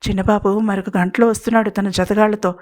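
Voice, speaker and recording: A woman voicing a naive, soft-hearted young male henchman who speaks in a Godavari district dialect in a hushed, pleading way. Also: mid-range voice, steady tone, fairly quick, natural voice. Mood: hushed, worried.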